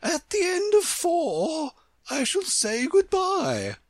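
Imperious Queen played by a man, piercingly high and drawn out, brisk commands with gracious condescension, storybook reading. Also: wildly swooping pitch, no echo, exaggerated voice. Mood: condescendingly gracious. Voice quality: shrill, swooping. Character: imperious brisk chess Queen, bossy yet politely condescending.

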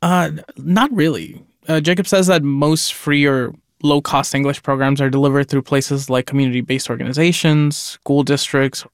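Guy explaining his reporting on a news podcast, steady, dry close mic. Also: medium pitch, no echo.

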